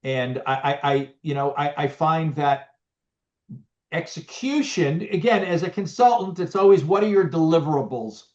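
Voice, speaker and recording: A man's voice: a little high, lively intonation, normal speed. Middle-aged man, guest on a video call, rambling with restarts, muffled sound. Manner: rambling, many restarts and fillers. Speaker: business owner guest. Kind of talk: casual interview talk. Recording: muffled lo-fi audio.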